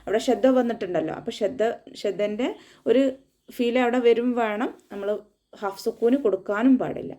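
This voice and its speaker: A woman teaching Quran recitation rules. She explains each rule patiently, repeats herself, and breaks into slow chanted sample phrases. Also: a little high, mellow. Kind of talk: tajweed lesson, explaining then demonstrating recitation.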